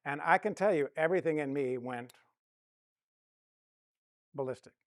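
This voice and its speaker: A man's voice: a little high, moderate pace, no echo. A middle-aged man giving a counseling lesson, telling personal stories and acting out the quoted dialogue. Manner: storytelling, acts out quoted dialogue. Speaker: counseling instructor. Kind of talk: teaching talk with personal stories.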